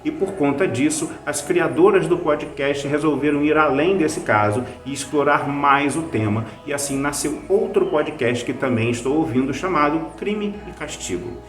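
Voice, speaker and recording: A Brazilian man with a Brazilian Portuguese accent hosts a video recommending podcasts, using a conversational, scripted review style. His voice is on the high side and sounds reverberant.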